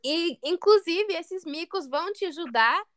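A woman from the United States with an American accent, a native English speaker chatting casually on a podcast, halting and searching for words. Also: very high-pitched, animated, fairly bright tone, dry recording. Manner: hesitant, searching for words, many restarts. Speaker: co-host.

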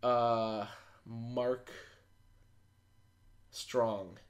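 A man co-hosting a podcast in loose, casual chat. He rambles with enthusiasm and laughs often. His voice sits in an ordinary middle pitch. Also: level tone, extremely slow. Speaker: podcast co-host.

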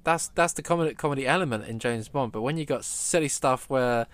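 A man's voice: medium pitch, brisk. Opinionated man in casual film chat. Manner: animated, opinionated, stumbling. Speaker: film podcast co-host.

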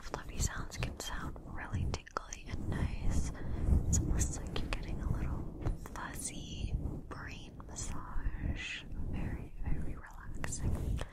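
A woman whispering slow, reassuring ASMR very close to a fluffy microphone, in a hushed and soothing manner. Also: poor audio. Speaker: ASMR host. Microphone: fluffy-covered mic close up, sounds from ear to ear. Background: soft mic scratching and brushing.

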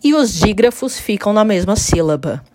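A woman gives an online literature lesson, explaining clearly and slowing down to sound out syllables. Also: mid-range voice, lively intonation, dark tone, dry recording. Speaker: literature teacher. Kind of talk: online lesson on poetic meter.

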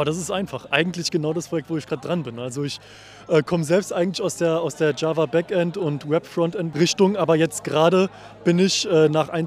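Halting, slightly high-voiced man. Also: darkish tone. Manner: hesitant, stammering, many restarts. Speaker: software developer. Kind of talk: casual interview answers. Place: outdoors at a summer party.

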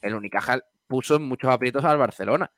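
Measured man discussing basketball. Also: mid-range voice, fairly bright tone, no room sound, studio quality. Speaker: co-host, basketball commentator. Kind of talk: casual sports talk.

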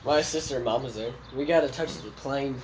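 A brisk, medium-pitched young man co-hosts a casual podcast chat, joking around and laughing often. The podcast recording is noisy.

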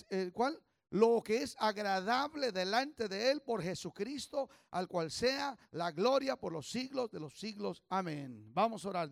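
A man preaching a fiery bilingual sermon, switching languages mid-thought and calling the congregation to answer back. His voice sits very high with a gravelly rasp and swells into shouts to drive points home. The recording is dry, with no room echo. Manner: switches between Spanish and English, calls for congregation responses; shouts for emphasis. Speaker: pastor.

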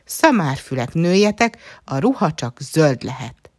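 A woman's voice: sits low, very animated, a little mellow, no echo, clean studio sound. A woman voicing a hot-tempered, cheeky little girl fairy who shrieks and teases. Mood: angry. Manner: shrieking, teasing.

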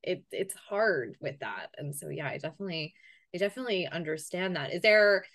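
A woman's voice: fairly low pitch, animated, fairly quick, fairly bright tone, no room sound. Woman, podcast host, upbeat, joking, dry close sound. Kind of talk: casual chat.

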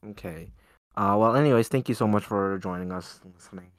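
A man's voice: lowish voice, brisk, dry recording, clean studio sound. A young man hosting a casual podcast chat, rambling with lots of "like" and swearing freely. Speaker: podcast host.

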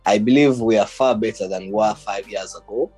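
Low husky young man from Uganda. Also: a little fast, mellow, faint music behind. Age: young adult. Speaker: podcast guest. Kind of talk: casual interview.

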